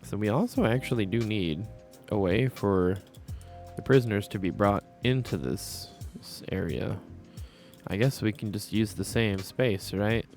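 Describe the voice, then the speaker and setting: A man's voice: on the low side, a little slow. A man giving casual commentary while building in a game, thinking aloud and rambling, bothered by hiccups. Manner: rambling, thinks aloud, repeats things to himself. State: hiccuping and burping. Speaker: Minecraft builder narrating his build. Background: soft background music.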